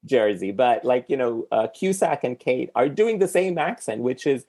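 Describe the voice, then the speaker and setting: Male podcast host, gravelly voice, mid-range pitch; casual and hesitant, feeling his way through each point. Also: very animated, normal speed, dark tone. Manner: hesitant, thinking aloud with many fillers. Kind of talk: casual film discussion.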